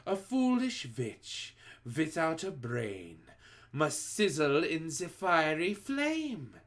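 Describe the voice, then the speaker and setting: A man's voice: on the high side, very animated, slow, a bit bright, voice pushed up, full character voice. A man reading aloud and voicing a cruel, commanding female witch leader who gives menacing, shrieking orders.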